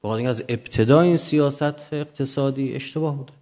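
A man's voice: mid-range voice, a little mellow. A man lecturing off the cuff to students, didactic, often posing questions and answering them himself.

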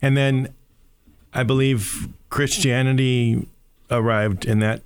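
Man, interview host, middle pitch, curious hedging questions. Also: steady tone, slow, smooth. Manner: curious, tentative, hedging with "I guess". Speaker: podcast host.

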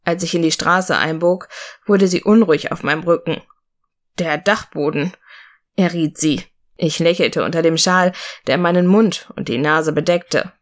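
A woman reading a Christmas story aloud with an even, steady narration. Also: fairly low pitch. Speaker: audiobook reader. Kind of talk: scripted narration.

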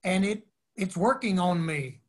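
An older man, a former college chaplain, answering interview questions over a video call in a wry, animated way, with many stammered restarts. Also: high voice, unhurried.

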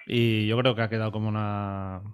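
A man's voice: lowish voice, flat delivery, fairly quick, clean tone. Reflective man in a music debate. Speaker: panelist.

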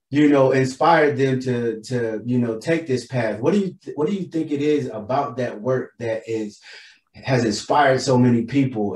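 A man's voice: mid-range voice, darkish tone, reverberant. A man hosting an interview, laid-back and appreciative, with loose, easy phrasing. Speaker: podcast host.

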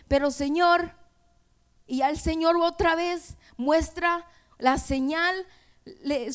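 A woman preaching a sermon in an earnest way, retelling scripture quoted dialogue and slipping in words. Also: high-pitched.

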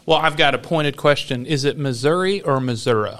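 A man's voice: a little high, steady tone, fairly quick, fairly bright tone. A man from Southeast Iowa hosting a podcast, opening with friendly, scripted-sounding introductions before interviewing his guest. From Southeast Iowa, USA. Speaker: podcast host.

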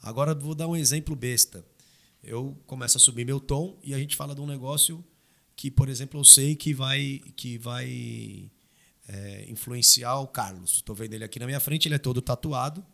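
A man talking casually into a studio microphone on a podcast, animated and pushing his pitch up when he makes a point. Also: moderate pace, vocal fry. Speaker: podcast host.

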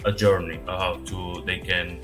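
A man co-hosting a podcast, chatting casually in a relaxed, rambling way. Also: low voice, normal speed, over music. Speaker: podcast co-host.

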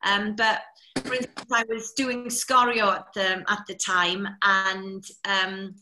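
A woman's voice: mid-range voice, slow, noisy background. A woman, a TV presenter, chattily telling stories as an interview guest. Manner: chatty, lively storyteller. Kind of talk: anecdotal storytelling.

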